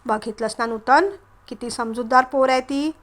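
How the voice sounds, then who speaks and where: A woman's voice: on the high side, steady tone, moderate pace, natural voice. A woman voicing a stern, short-tempered old father. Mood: calm. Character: stern elderly father, quick-tempered head of the family.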